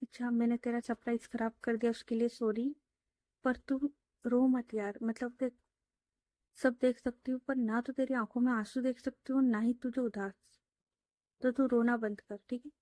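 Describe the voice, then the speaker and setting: Woman doing caring big-sister type girl, coaxing, high pitch, dry close sound. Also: flat delivery, normal speed, dark tone, dry recording, close to an everyday voice. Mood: comforting. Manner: comforting, coaxing with tag questions. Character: caring young woman, protective and affectionate.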